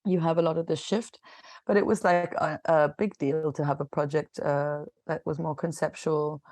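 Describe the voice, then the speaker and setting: Woman guest in her forties from Kenya, mellow low voice, loose chatty delivery with restarts. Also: steady tone, moderate pace, no room sound. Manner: chatty, laughs often, many fillers and restarts. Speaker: guest artist. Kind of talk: casual interview.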